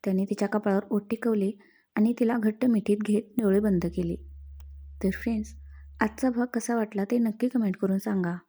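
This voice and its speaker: A woman narrating a scripted romance story with a gentle, even storytelling manner. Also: mid-range voice, a little fast, husky.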